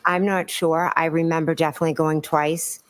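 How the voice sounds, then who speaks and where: A woman's voice: low-pitched, flat delivery, moderate pace. A woman testifying as a witness in a courtroom, giving careful, hesitant and apologetic answers.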